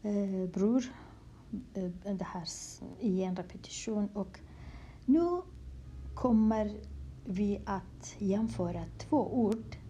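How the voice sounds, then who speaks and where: Woman, letter lesson, slow patient repeats, half-whispered, mellow voice, faint hiss. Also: medium pitch. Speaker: language teacher. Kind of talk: handwriting lesson in Kurdish letters, explained in Swedish.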